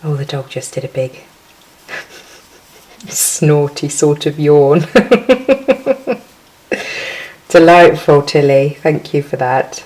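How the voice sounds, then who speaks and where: A woman's voice: low voice, very slow, long pauses, darkish tone, low-quality recording. A woman hosting a casual crochet tutorial, chatty and giggly, counting stitches aloud as she works.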